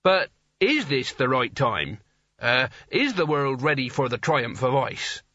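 A man's voice: high-pitched, animated, moderate pace, sharp tone, highs cut off, voice pushed up, full character voice. A man doing a stammering, polite young hero. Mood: nervous, polite. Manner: hesitant, stammering, desperately polite. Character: earnest, timid young male would-be hero, polite.

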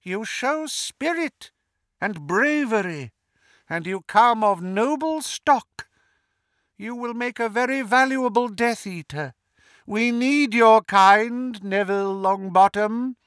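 A man voicing a cold, mocking dark wizard lord in an audiobook, with a soft, silky hiss and slow, pompous menace. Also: sits high, animated, clear, resonant tone, no echo, clean studio sound, voice pushed up, full character voice. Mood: coaxing.

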